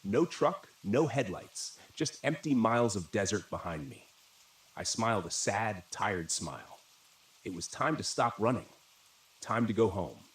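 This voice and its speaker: A man narrating a first-person horror story in a steady, dramatic, scripted manner. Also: lowish voice, unhurried. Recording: roomy echo.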